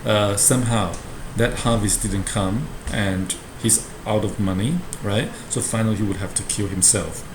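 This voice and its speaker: A man's voice: lowish voice, steady tone, normal speed, hardly any pauses. A man lecturing like a professor to students, explaining a play text and often adding short tag questions. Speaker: university lecturer teaching a Shakespeare class. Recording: roomy echo with clear background noise.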